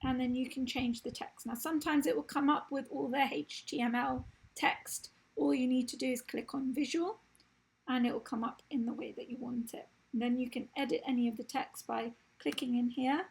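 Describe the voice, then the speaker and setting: A woman's voice: sits high, steady tone, normal speed, low-quality recording. A woman losing her voice, explaining step by step in a screen-recorded website tutorial. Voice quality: husky, gravelly.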